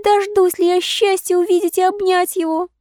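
Woman doing Pinocchio, a squeaky puppet boy. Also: little pitch movement, moderate pace, darkish tone, no room sound, studio quality. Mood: pleading. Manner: squeaky exclamatory child voice. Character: wooden puppet boy, mischievous, eager, excitable. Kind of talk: audiobook character voice.

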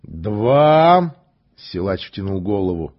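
A man narrating a story in an expressive, deliberate way, on a dull lo-fi recording. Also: medium pitch, slightly rough. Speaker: audiobook narrator. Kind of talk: scripted narration.

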